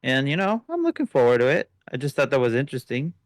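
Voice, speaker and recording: A man co-hosting a podcast in casual chat, relaxed and a bit hesitant with many fillers. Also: mid-range voice, fast talker, no room sound, clean studio sound. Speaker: podcast co-host.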